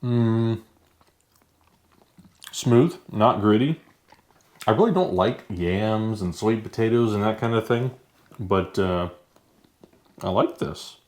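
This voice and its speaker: A man's voice: on the low side, slow, pauses often, darkish tone. A man casually chatting as he tastes new foods for a vlog, easygoing and talking while eating. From United States. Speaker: vlogger. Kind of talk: casual food-tasting chat.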